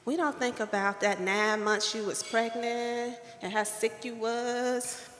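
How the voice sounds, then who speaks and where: Speaking at a podium microphone as keynote at an awards dinner in a hotel ballroom, a woman with a light, girlish voice preaches playfully and gets the audience calling back. Her fairly high, fairly bright voice is slow and steady, with slight background noise and an echoey, reverberant room.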